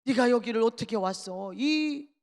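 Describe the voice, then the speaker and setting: A woman's voice: a little high, expressive, normal speed, a little mellow. A woman preacher voicing an angry older brother who scolds a young boy, raising her voice. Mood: scolding. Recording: long reverb of a large hall.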